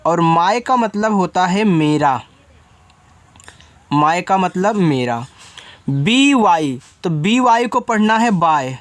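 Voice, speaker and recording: A man's voice: high-pitched, dry recording. Patient man teaching a dry lesson. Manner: patient, repetitive explaining with frequent check-ins. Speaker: English teacher. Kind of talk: spoken lesson explaining pronunciation.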